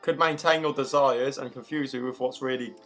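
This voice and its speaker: A man's voice: mid-range voice, fairly even intonation, fairly quick, a bit bright, soft background music. Exasperated swearing man. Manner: exasperated, swearing, stumbling over names. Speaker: reader of the story. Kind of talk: casual comedic read-along.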